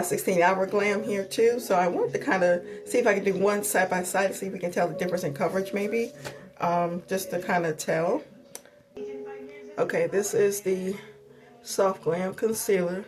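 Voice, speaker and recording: Through a sore throat and a stuffy voice, a beauty vlogger chats casually during a makeup tutorial, full of ums and likes. Her voice sits in the mid range with a darkish tone.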